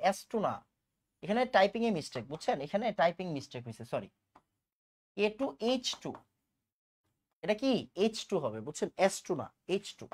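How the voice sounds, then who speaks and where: Lively teacher drilling a class. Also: male voice, high voice. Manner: drills by repetition, asks and answers his own questions. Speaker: chemistry teacher. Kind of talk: online exam-prep lecture.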